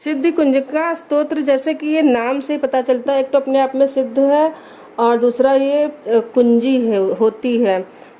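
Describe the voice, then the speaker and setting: A woman with a slightly high voice calmly teaches the rules of scripture recitation, reading Sanskrit verses slowly. Her explanations are patient and instructive. A faint background hiss sits under the recording. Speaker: religious instructor.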